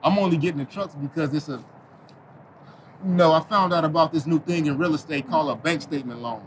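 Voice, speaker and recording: Guest, male, quick and street-smart, casual, faint ambience. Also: a little high, background noise. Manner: fast, streetwise, repeats words as he talks. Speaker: trucking business owner, podcast guest. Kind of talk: casual interview talk.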